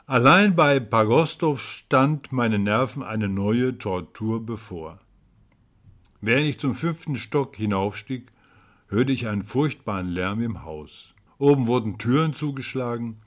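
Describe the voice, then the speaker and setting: Brief: male storyteller, mid-pitched, theatrical reading of a ghost tale. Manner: dramatic, rising to cries at tense moments. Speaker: narrator.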